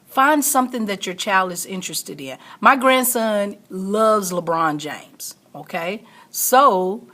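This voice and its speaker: A woman's voice: medium pitch, expressive, takes it slowly, hardly any pauses, bright, forceful tone. Middle-aged woman giving an emphatic motivational talk. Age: middle-aged or older. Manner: emphatic, repeats key phrases for stress. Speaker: teacher and online show host. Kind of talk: motivational talk to a live online audience.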